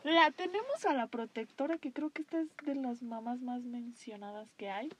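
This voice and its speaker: A woman chatting casually as co-host, relaxed and listing examples. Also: fairly high pitch, moderate pace, slight background noise. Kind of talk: casual chat.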